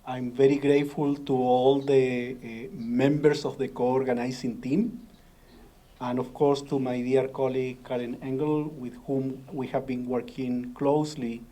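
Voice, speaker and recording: A man moderating a panel discussion, speaking haltingly with many filler sounds. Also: mid-range voice, level tone, mellow.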